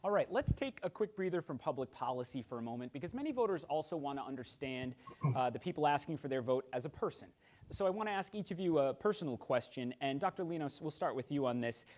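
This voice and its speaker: A man moderating a virtual candidate forum, asking brisk, direct questions. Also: a little high, expressive, a little mellow. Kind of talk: debate moderation. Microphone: video call.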